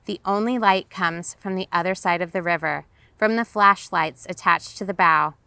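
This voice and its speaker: Woman author reading her own novel, lower-pitched and bright, in a dry, close sound. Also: moderate pace, creaky, smooth, dry recording. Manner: first-person present-tense narration, tense and vivid.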